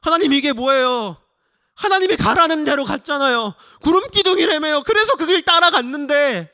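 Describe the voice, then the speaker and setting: A man voicing an angry Israelite who bitterly accuses his leader, indignant and loud. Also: extremely high pitch, lively intonation, moderate pace, voice pushed up, heavily acted. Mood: bitter complaining. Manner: shouting accusations, rising and indignant.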